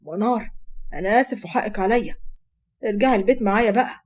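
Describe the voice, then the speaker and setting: A woman with an Egyptian accent voicing a young husband, speaking lower and apologetic. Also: quick pace, darkish tone, lightly acted. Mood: remorseful. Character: jealous then remorseful young husband.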